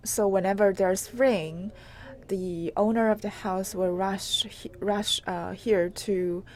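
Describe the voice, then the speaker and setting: Inside an old house, a woman reporter gives an unscripted live walk-through, hesitating and pausing mid-phrase. Her medium-pitched voice has a darkish tone and fairly even intonation. The on-location recording is clearly noisy.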